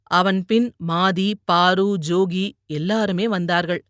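A woman reading a novel aloud as an audiobook narrator, telling the story in a measured way and raising her voice for characters who shout. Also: fairly low pitch, fairly even intonation, dry recording, clean studio sound.

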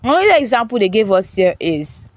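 A woman's voice: big pitch swings, fairly quick, no echo. Woman teaching grammar by voice note. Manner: repeats points, checks in with "Do you understand?"; rises in pitch when stressing contrasts. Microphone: phone voice note.

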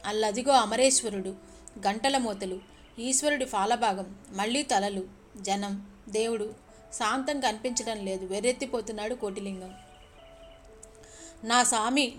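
A woman narrating a story in an expressive, emotional way. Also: medium pitch, slight background noise.

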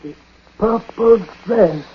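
An actor playing a dying, superstitious old uncle in a 1940s radio drama, speaking haltingly in short, weighty phrases. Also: male voice, sits high, slightly rough, full character voice. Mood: ominous warning. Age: older. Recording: muffled, noisy 1940s radio recording.

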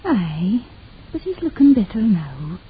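A woman's voice: mid-range voice, sing-song, slow pace, muffled recording, slight background noise. A woman playing a young island wife and mother with a broad Scottish accent, speaking politely in dialect. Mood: polite, caring.

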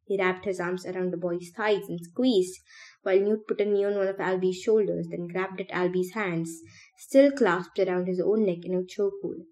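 A woman reading a novel aloud for a podcast in a steady, measured way. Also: lowish voice. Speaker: podcast reader.

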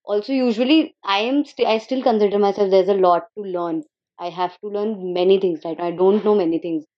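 A woman's voice: medium pitch, brisk, highs cut off. A woman in her twenties with a North Indian accent, speaking earnestly and conversationally as an interview guest, repeating phrases for emphasis and mixing in Hindi. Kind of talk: casual conversational interview answers.

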